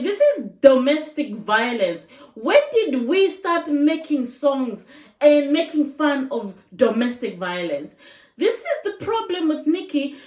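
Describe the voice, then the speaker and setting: A woman's voice: sits high, a little mellow, distant mic. A woman vlogger giving casual opinion commentary, speaking emphatically, repeating her points and asking rhetorical questions. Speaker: vlogger reacting to online videos. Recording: roomy echo, voice a bit off-mic.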